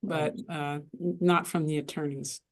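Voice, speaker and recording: A woman judge speaking on a panel and moderating questions, brisk and lightly amused. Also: low voice, fairly even intonation.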